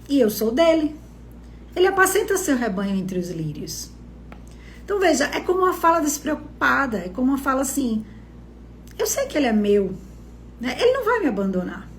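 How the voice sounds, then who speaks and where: A woman's voice: on the high side, a little hiss or hum. A woman teaching a church Bible study in a conversational way, often checking in with her listeners. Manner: conversational, asks questions, often adds "né?". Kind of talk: teaching on a Bible passage in a church live stream.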